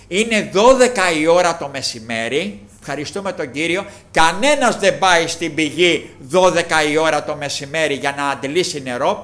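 A middle-aged man preaching a fervent sermon, swinging between loud outbursts and hushed passages, often repeating refrains of praise. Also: on the high side.

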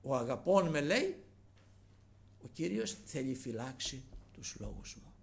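Gravelly, animated preacher man. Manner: swings between loud emphatic peaks and low murmured asides; addresses the congregation as brothers. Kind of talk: sermon.

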